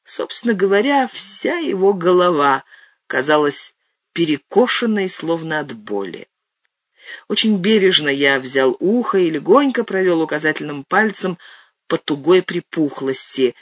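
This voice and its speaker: A man narrating an audiobook with expressive, animated storytelling. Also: fairly high pitch, measured pace, no room sound, studio quality. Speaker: audiobook reader. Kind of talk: scripted narration.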